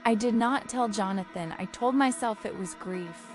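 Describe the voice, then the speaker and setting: A woman plays a troubled but determined young diarist in a horror drama. She confides with restraint in a mid-pitched voice, with music clearly heard behind her. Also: moderate pace, natural voice. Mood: uneasy, regretful. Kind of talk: horror audio drama monologue.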